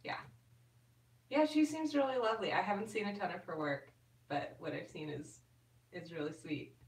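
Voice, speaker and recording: A woman's voice: mid-range voice, normal speed, slight background noise. A woman chatting casually on a live stream as an ASMR host, reading and answering viewer comments with fillers. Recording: roomy and distant from the mic.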